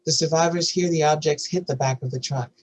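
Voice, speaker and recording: A narrator with a medium-pitched voice reads briskly through a screenplay's scene headings and action lines at a table read, handling the stage directions.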